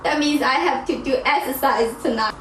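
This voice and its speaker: A woman's voice: high-pitched, moderate pace, a little hiss or hum, poor audio. A woman giving a casual cooking tutorial in her home kitchen, chatty and direct, with slightly non-native phrasing. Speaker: cooking vlogger.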